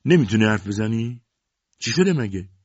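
A man's voice: fairly low pitch, lively intonation, slightly rough, dry recording, highs cut off, voice pushed up. A man voicing a scheming mother who pries and mocks her grown children, in a storybook reading. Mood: prying. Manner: taunting, prying, sharp. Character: scheming, mocking mother, middle-aged woman.

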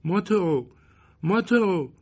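A man voicing a frightened, tearful little boy who calls out in a high voice, in a story reading. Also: sing-song, slightly rough. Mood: desperate calling. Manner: high, crying out. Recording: muffled lo-fi recording.

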